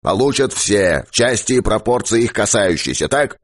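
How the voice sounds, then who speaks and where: A man's voice: on the low side, very animated, moderate pace, no room sound, clean studio sound. A man voicing a curt, stern base chief. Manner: curt, commanding. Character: stern middle-aged male space base chief.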